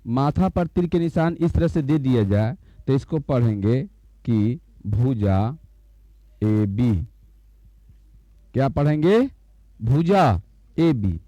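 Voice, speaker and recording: A man with a medium-pitched, mellow, animated voice teaches a school maths lesson at a moderate pace, slowly explaining at the blackboard. He repeats each term and keeps checking whether the class has understood, and the dry recording sounds dull and lo-fi.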